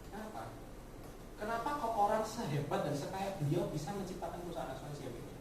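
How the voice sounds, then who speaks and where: A woman speaks quickly and expressively in a lowish voice, giving a motivational business talk to colleagues that mixes in English words and addresses them directly through rhetorical questions. Recorded far from the mic in a very echoey space, with faint noise.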